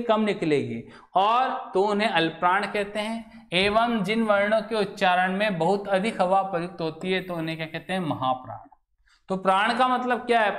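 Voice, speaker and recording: A man's voice: high-pitched, a bit bright. A male teacher giving a Hindi grammar lecture in a classroom, asking the class questions and answering them himself. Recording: echoey room.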